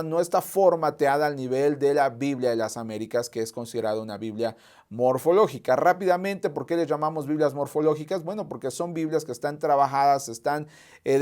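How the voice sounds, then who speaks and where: A man walking viewers through a software tutorial over a screen share, methodical, repeating key points and thinking aloud as he clicks. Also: a little high. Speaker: software trainer.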